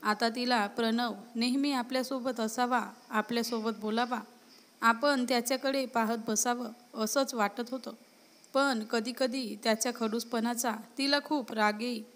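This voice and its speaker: A woman storyteller narrating a romance story in a steady, even reading voice. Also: on the high side, unhurried.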